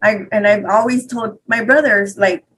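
A woman's voice: medium pitch, steady tone, normal speed, a bit bright, a little hiss or hum, poor audio. A middle-aged woman, a guest on a radio interview, telling a personal account in a conversational way, full of "you know" fillers.

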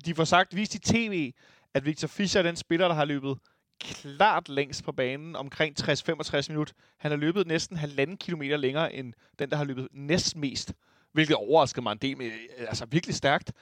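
A Danish man hosting a casual football podcast, agreeable and wry with quick asides. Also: a little high, a bit bright, no echo, studio quality.

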